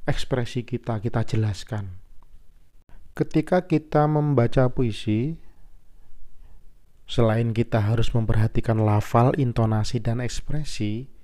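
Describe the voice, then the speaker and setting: A man's voice: mid-range voice, a little slow, pauses often, warm tone. A man, a primary school teacher patiently explaining a lesson and asking his pupils questions.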